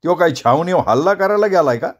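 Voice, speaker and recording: A male storyteller voicing a loud, joking village man who teases in a rustic dialect. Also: fairly high pitch, lively intonation, fast talker, pitched above the performer's own voice. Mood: teasing.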